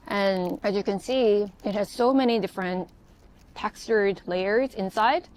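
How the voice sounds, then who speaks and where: A woman food vlogger chatting casually as she tastes pastries on city streets, with many fillers and pauses. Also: mid-range voice. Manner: chatty, savoring, filler-heavy. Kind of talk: casual food vlog commentary. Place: outdoors on city streets and in bakeries.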